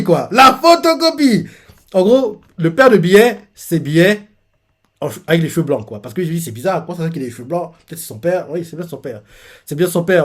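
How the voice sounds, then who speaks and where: A man giving casual live reaction commentary on a manga chapter, rambling with many fillers and restarts. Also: fairly high pitch.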